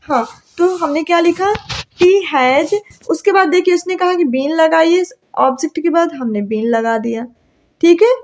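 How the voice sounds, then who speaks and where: A young woman with a high voice teaches a grammar class. She keeps asking the class questions and then answers them herself, and she drags out the words of her example sentences. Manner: drawls example sentences slowly.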